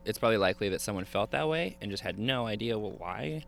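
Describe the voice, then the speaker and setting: A man co-hosting a podcast outdoors, chatting casually with deadpan, absurd jokes. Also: lowish voice, fast talker, vocal fry, slight background noise. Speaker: podcast co-host. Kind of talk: casual chat.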